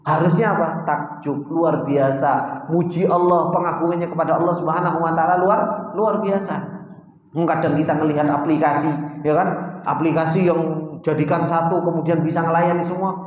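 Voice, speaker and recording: A man with a Javanese accent teaching a Quran commentary lesson, often asking rhetorical questions with a sharp upward jump and calling the listeners "Pak". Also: a little high, flat delivery, brisk. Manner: addresses listeners as "Pak", mixes in Arabic recitation. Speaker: Islamic teacher. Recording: very echoey hall with long reverb.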